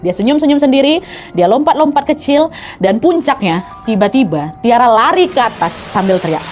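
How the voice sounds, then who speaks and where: A woman's voice: normal speed, faint music behind. A young woman telling a horror story in a casual, chatty way, talking straight to her listeners and raising her voice for dramatic moments. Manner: animated, swings pitch for dramatic quotes; addresses listeners directly, chatty.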